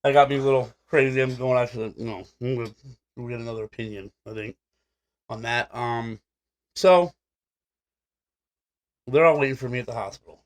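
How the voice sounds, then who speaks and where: A man's voice: medium pitch, fairly quick, long pauses. A man co-hosting a casual podcast, telling a story in a blunt, profane, rambling way. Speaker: podcast co-host.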